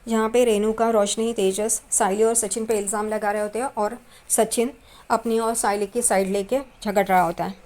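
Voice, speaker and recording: A woman recapping a TV serial episode at a mid pitch, neither high nor low. She moves scene by scene in a steady retelling and tags each quoted line as she goes. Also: moderate pace. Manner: retells scenes step by step, tagging quotes with a trailing "karke".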